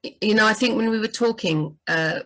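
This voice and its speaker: A woman's voice: medium pitch, brisk, a bit bright, low-quality recording. A woman, a book editor, talking casually about writing, full of "you know" and restarts. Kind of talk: casual livestream chat.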